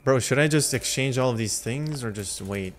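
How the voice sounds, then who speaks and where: A young man, a native Lithuanian speaker, livestreams a game from his home streaming room, talking into a headset at a medium pitch and moderate pace. He rambles in slangy, loose chatter and answers his live chat between game moves.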